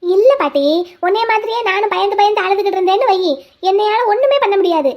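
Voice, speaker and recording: Fearless young heroine in a cartoon, very high voice, firm and upbeat. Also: female voice, fast talker, highs cut off. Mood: determined. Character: bold young village woman, defiant and cheerful. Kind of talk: cartoon voice acting.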